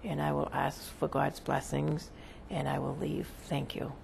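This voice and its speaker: This is a seance medium speaking as a channeled spirit. The voice crackles heavily with fry and moves very slowly, with little rise or fall. The phrasing is solemn, halting and formal, over faint background noise. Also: medium pitch, level tone. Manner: halting, deliberate, formal phrasing with long pauses.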